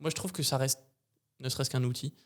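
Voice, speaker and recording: A man hosting a podcast, telling stories in a slangy, animated way with many fillers. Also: medium pitch, fast. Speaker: podcast host. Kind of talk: casual chat.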